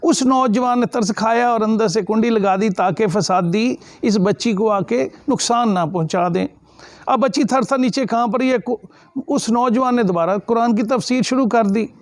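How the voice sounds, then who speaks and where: A man's voice: very high voice, moderate pace, no echo. A man preaching a sermon and telling a story with emotive, emphatic pleas.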